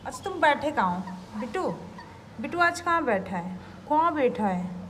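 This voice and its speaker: High, sing-song woman coaxing a pet. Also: very animated, moderate pace, a bit bright. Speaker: pet parrot owner. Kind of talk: talking to a pet parrot. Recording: echoey room with clear household noise.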